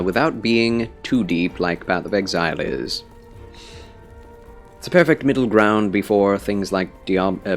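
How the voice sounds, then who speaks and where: Low, scratchy-voiced man chatting on stream. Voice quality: scratchy, phlegmy voice. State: tired, under the weather. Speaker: game streamer chatting with viewers. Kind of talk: casual livestream chat with game commentary.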